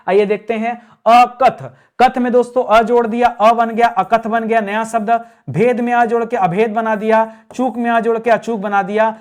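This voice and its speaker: High-voiced man teaching grammar quiz. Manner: explanatory, repeats key words, addresses viewers as friends. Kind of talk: exam-prep grammar lesson.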